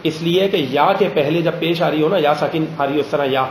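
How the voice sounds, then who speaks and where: A man teaching a grammar lesson in a classroom, pausing often to ask students questions and slowing down on examples. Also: a little high, slight background noise. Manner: drills students with frequent check questions; slows down to spell out example phrases. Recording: roomy classroom echo.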